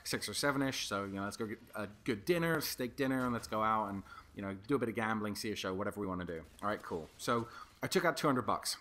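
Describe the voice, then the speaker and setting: Young guy rambling a story over gameplay, talks quick, bright voice, swears a lot. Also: lowish voice, lively intonation. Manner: chatty, swears freely, many fillers. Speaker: gaming commentator.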